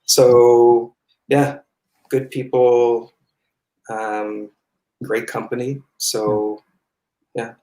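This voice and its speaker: Slow, hesitant man in an echoey room. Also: medium pitch, little pitch movement, mellow. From Halifax, Nova Scotia. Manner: hesitant, halting, full of fillers. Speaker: guest actor. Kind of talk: casual interview chat.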